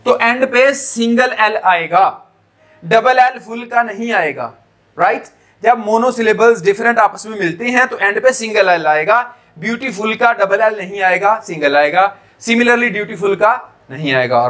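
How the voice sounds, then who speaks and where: A man's voice: high-pitched, lively intonation, unhurried, a bit bright. A man teaching spelling rules, switching between Hindi and English and checking with "right?" after each point. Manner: explanatory, repeats rules and asks "right?" to check understanding.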